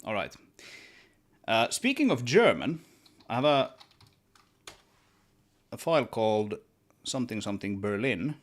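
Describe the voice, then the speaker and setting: Speaking at medium pitch in a sing-song manner, this Swedish-accented man streams himself developing a game solo. His pace is measured and he pauses often, chatting casually and thinking aloud while repeating words.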